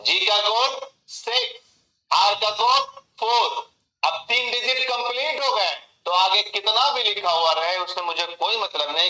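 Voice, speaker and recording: A male teacher runs a memory-training class in a lively, animated way, calling on students by name and slipping English into his Hindi. His voice sits a little high and rings very bright. It is recorded in an echoey room.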